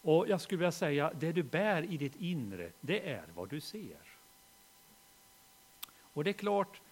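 Husky, lively male preacher. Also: fairly high pitch. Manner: dynamic, swings from hushed to loud storytelling. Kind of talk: sermon with personal story.

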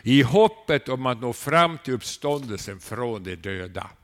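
A man preaching a sermon, animated, asking his listeners rhetorical questions and adding a questioning "eh?" to his lines. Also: medium pitch. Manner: animated storytelling with sudden rises in volume.

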